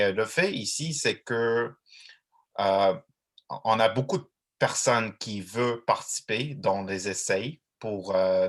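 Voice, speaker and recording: A man answering questions informally, explaining step by step in a halting way with repeated phrases. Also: on the low side, a bit bright.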